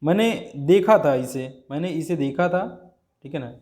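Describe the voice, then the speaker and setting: A man's voice: on the high side, moderate pace, a little mellow. A male teacher giving a grammar lesson, explaining step by step and often checking with his students.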